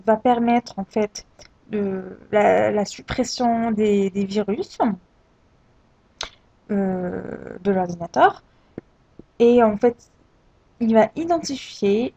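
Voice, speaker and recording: Hesitant woman, gravelly lo-fi voice. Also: mid-range voice, mellow, no echo. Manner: hesitant, many fillers and restarts. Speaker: tutorial presenter. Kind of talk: screen-recorded software tutorial. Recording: dull lo-fi home recording.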